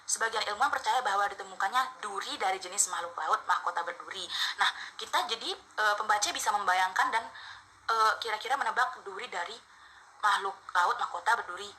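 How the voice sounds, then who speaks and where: A woman student giving a class presentation, explaining quickly with some hesitations. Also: medium pitch, pushed and bright, slight background noise, rough recording.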